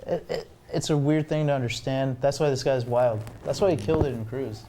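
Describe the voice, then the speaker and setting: A man's voice: medium pitch, steady tone, fairly quick. A man guesting on a panel chat, teasing and insistent as he argues his point. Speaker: guest player. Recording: noisy with clicks.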